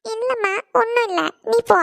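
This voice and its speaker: A woman's voice: very high-pitched, steady tone, vocal fry, fairly bright tone, dry recording, clean studio sound, heavily acted. A woman voicing a sulking, tearful college girl in a cartoon who whines and pleads. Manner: whiny, pleading, drawn-out. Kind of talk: cartoon voice acting.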